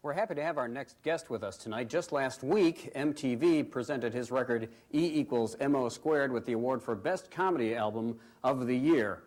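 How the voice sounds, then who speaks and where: A man's voice: mid-range voice, normal speed, hardly any pauses, a little mellow. A man hosting a TV comedy show with a mock-earnest announcer delivery. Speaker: TV show host. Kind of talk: scripted TV hosting.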